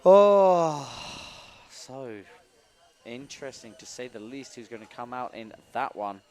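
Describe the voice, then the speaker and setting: A man with a mid-pitched voice co-commenting on a live sports event. He talks through the action in a chatty, musing way, often restarting his sentences. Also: fairly even intonation, moderate pace.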